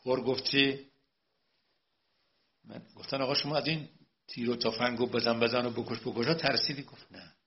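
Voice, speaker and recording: A male cleric giving a religious lecture, moving between quiet storytelling and loud, emphatic preaching. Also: medium pitch, steady tone, long pauses. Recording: dull lo-fi recording.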